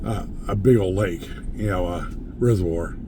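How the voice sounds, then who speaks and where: A middle-aged American man telling stories and ranting casually as he drives, in a meandering, folksy, opinionated way, with loud car noise. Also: low voice, normal speed. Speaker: vlogger. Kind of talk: casual rambling storytelling rant while driving. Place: inside a moving car.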